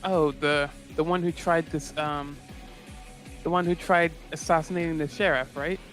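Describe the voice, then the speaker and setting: A man's voice: fairly high pitch, fairly even intonation, moderate pace, a bit bright, soft background music, lightly acted. A man voicing a brusque, impatient female shaman merchant in an improvised tabletop game, with a curt, dismissive way of talking. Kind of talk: improvised tabletop role-play.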